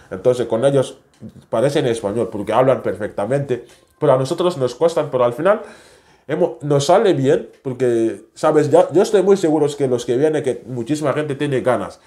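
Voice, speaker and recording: Chatty young man. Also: mid-range voice. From West Africa. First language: French. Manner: animated, chatty, non-native Spanish with tag questions. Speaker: vlogger. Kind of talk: casual storytelling to camera.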